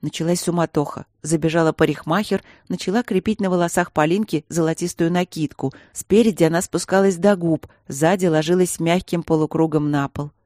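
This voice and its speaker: A woman narrating a novel in the first person, with even, expressive storytelling. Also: on the low side, no echo, studio quality. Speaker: audiobook narrator.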